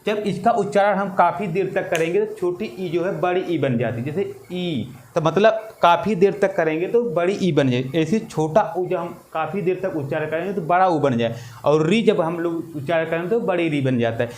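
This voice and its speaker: A man teaching an exam-prep lesson, slow and repetitive, drawing out vowel sounds. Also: a little high, a little mellow, a little hiss or hum.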